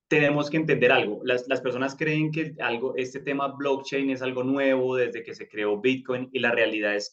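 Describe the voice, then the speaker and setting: A man's voice: mid-range voice, a bit bright, dull audio. A man explaining a topic in a live online class, with frequent fillers and restarts. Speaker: crypto course instructor.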